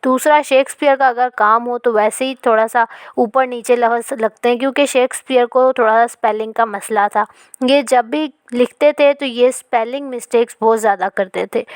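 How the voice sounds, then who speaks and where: A woman teaching a literature lesson. She explains in Hindi, reads English passages slowly, and often checks in with "ठीक है". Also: a little high, steady tone, clear, resonant tone, no echo.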